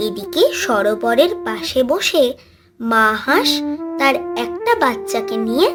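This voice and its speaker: A woman narrating a children's cartoon story in an expressive way. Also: on the high side, a little slow. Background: background music.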